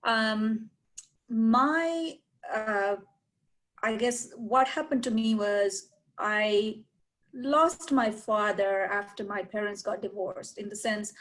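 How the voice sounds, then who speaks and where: A woman from Sri Lanka shares her story as a panel guest. She speaks slowly and hesitantly, filling gaps with many fillers. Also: medium pitch, fairly bright tone, low-quality recording. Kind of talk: personal testimony.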